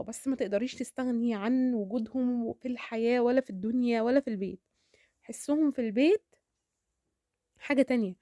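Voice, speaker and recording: A woman with an Egyptian accent chatting to her viewers as a home vlogger, talking fast with prayers and laughs. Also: a little high, no room sound, studio quality. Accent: Egyptian Arabic. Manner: rapid, warm-hearted chatter with prayers and frequent laughs.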